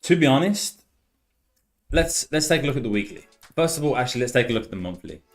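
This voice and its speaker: A man with a Birmingham accent softened by years in Australia, hosting a live stream in a casual, chatty way with many repeated words. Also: mid-range voice, sing-song, fast talker, faint music behind. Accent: Birmingham English, softened by years in Australia. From Birmingham, England. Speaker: live-stream trading host. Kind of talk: casual live-stream chat and chart commentary.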